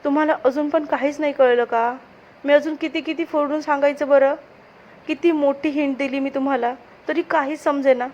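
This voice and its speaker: A woman's voice: on the high side, moderate pace, lo-fi sound, close to an everyday voice. Woman voicing a smug, mocking villainess. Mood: taunting. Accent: Marathi. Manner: mocking, drawling, coaxing.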